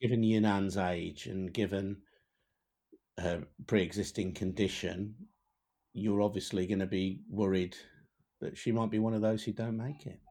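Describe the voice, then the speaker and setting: A man hosting a podcast interview, asking gentle, measured questions. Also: on the low side, steady tone. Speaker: podcast host.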